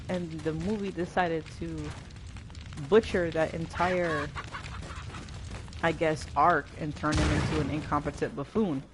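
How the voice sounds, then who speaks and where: A woman's voice: deep voice, background noise. A woman giving scattered, self-deprecating commentary while playing a game. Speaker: gamer reviewing a film. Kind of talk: casual rambling commentary.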